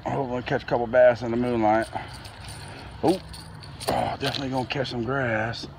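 A man's voice: mid-range voice, fairly even intonation, brisk, gravelly, noisy background. A man vlogging while night fishing outdoors, rambling casually about his gear and surroundings, sometimes talking to his dog. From Florida.

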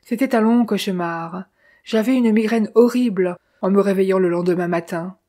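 A woman's voice: medium pitch, moderate pace, mellow, natural voice. A woman reading a plaintive, anxious accused man. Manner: plaintive, pleading.

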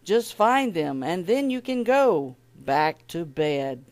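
A cheerful male patrolman from a children's storybook, as a woman reader puts him on. He sounds loud, friendly and reassuring, with a lively, bouncing pitch. The sound is dry and close. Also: slow, no room sound.

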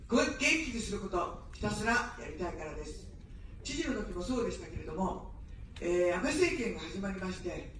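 On an evening street, a woman running for office delivers an outdoor campaign speech in standard Japanese with no accent, cracking jokes and then earnestly pleading for votes. Her voice is mid-range and fairly bright. The very echoey, distant PA sound carries slight background noise.

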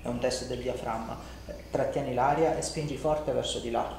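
A male chiropractor with a mid-range, gravelly, slightly mellow voice talks at normal speed with fairly even intonation. He explains and instructs a patient during treatment, informal and reassuring, often checking in with "ok?" and "no?". The indoor treatment room in a home-like studio is echoey, with some background noise.

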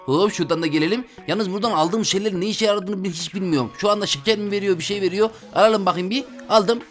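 A young man hosting a game video, commentating his play, chatty and slangy with sudden loud exclamations. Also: high voice, fast, faint music behind. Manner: excitable, loud outbursts and frequent exclamations; talks to viewers as friends, slangy. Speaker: gaming video host. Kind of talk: Roblox gameplay commentary.

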